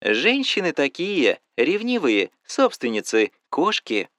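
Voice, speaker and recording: A man's voice: fairly high pitch, wildly swooping pitch, slow pace, a bit bright, dry recording, exaggerated voice. A man doing a fussing, nosy mother. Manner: fussy, coaxing, keeps asking questions. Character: worried, nosy middle-aged mother. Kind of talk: audiobook dialogue.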